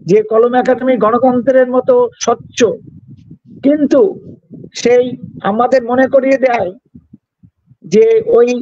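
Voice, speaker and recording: A man's voice: very high-pitched, darkish tone, dry recording. A man speaking earnestly as a guest on a talk show, insisting on finishing his point. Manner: earnest, insistent, keeps talking over the host. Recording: dull lo-fi sound.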